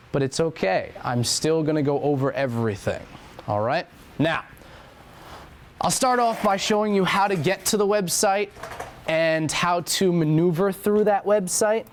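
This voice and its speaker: Young guy lecturing a class, kinda higher voice, repeats stuff a lot, casual teacher talk. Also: a little hiss or hum. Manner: conversational, repeats key points. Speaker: anatomy and physiology lab instructor.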